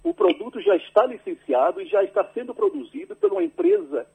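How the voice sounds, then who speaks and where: Raspy gravelly guy on a landline phone call, high lively voice, explains things patiently. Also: a little fast. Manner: explains patiently, tags sentences with "né?". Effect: over a landline phone. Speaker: agricultural researcher, interview guest. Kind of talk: explanatory radio interview by phone.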